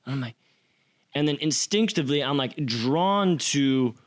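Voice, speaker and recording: A man's voice: mid-range voice, animated, unhurried. A young man casually telling a story as an interview guest, acting out quotes with slang and swearing.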